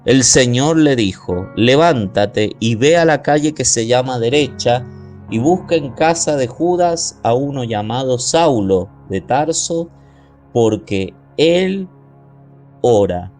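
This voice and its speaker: A man preaching a sermon as pastor, slowly and deliberately, stretching out key words and reading scripture aloud. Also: mid-range voice, lively intonation, darkish tone, faint music behind.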